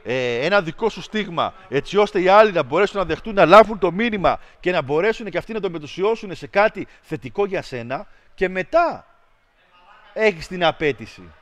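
A man hosting a livestream, chatting casually with viewers and ranting in a mocking, animated way. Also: high-pitched. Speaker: livestream host. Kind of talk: casual stream chat with viewers.

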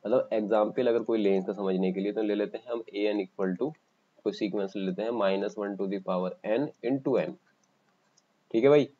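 A man with an Indian accent teaching a math lesson for exam coaching, explaining step by step and pausing as he writes. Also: lowish voice, mellow, muffled recording. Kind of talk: online exam-coaching lecture.

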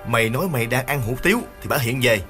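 A man doing a gruff scolding thief. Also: medium pitch, expressive, fast talker, over music, close to an everyday voice. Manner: curt, scolding. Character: irritable older-brother thief, scolding.

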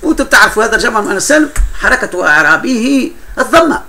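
A man's voice: high voice, very animated, rapid-fire, creaky, bright, forceful tone. A man teaching a classroom grammar lesson, explaining patiently with frequent laughs and broken-off restarts.

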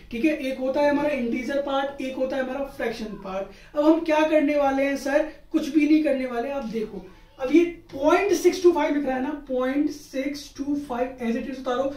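A man's voice: extremely high pitch, darkish tone. A young man teaching a lesson at home, quizzing the class and answering his own questions in a playful, casual way. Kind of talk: casual recorded tutorial. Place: room at home. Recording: echoey room, far from mic.

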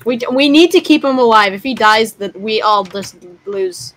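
A woman chatting casually while gaming with friends, excitable, often squealing and gasping. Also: on the high side, normal speed, low-quality recording. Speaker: gamer. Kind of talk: casual multiplayer game chat.

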